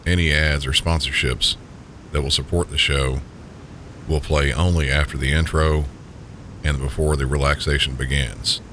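A sleep story podcast host with an extremely deep voice and a Southern US accent gently and calmly guides the listener toward rest, never hurrying. A steady, loud, low pink-noise rumble runs behind him.

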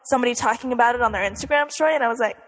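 Young woman, higher-pitched, bubbly sorority-girl chatter as a casual co-host, recorded with long echoey reverb. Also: very fast. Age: young adult. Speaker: podcast co-host. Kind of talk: casual chat.

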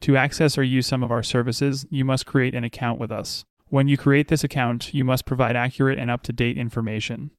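A man narrating as a sleep story host, reading in a measured, deliberate bedtime style. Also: medium pitch, level tone, no echo. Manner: measured, unhurried, deliberate phrasing.

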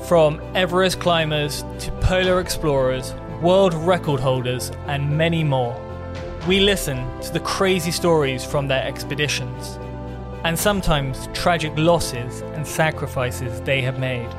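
Male podcast host, measured scripted delivery, music bed underneath. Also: a little high. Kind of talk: scripted introduction and questions.

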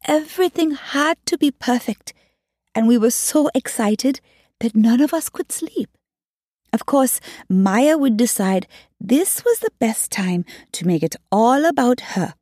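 Woman audiobook narrator, measured reading, higher voice with a husky edge. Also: lively intonation, dark tone, dry recording, clean studio sound.

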